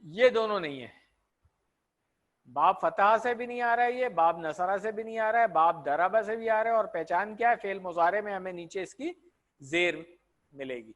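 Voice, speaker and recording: A male teacher with a high-pitched voice gives an online class. He walks students through verb forms slowly and patiently, repeating each form with its meaning and checking often that they follow. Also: animated, fairly bright tone. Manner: patient, repeats conjugations with translations. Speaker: Arabic grammar teacher.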